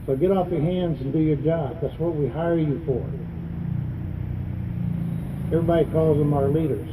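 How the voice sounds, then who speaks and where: A man's voice: a little high, moderate pace, far from the mic, noisy background. A man speaking as a political candidate at a news conference, plain-spoken and adamant, repeating phrases for emphasis. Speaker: congressional candidate and veterans advocate. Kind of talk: campaign speech at a news conference.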